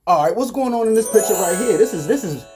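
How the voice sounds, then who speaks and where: A middle-aged man with a husky voice and a Baltimore accent, chatting casually and playfully as he hosts. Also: high voice, lively intonation, quick pace, over music. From Baltimore, United States. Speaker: host showing photos to his mother. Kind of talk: casual chat.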